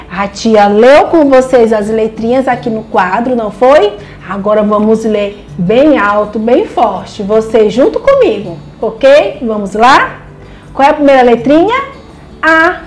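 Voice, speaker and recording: Slow sing-song woman teaching children. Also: high-pitched, darkish tone. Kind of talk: children's lesson.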